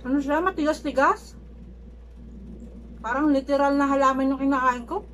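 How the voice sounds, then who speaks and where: A woman's voice: high voice, fairly quick. Woman vlogger chewing while she talks. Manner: relaxed, savoring food with murmured comments. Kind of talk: casual mukbang chat. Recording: audible background noise.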